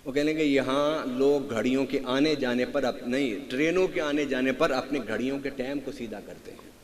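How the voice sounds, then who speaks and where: A man giving a religious sermon, telling stories to a congregation and quizzing them, moving from hushed asides to loud raised passages. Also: medium pitch, in a large hall. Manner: tells anecdotes, swings from hushed asides to loud raised delivery, quizzes the audience. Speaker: preacher. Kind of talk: Urdu religious sermon with storytelling.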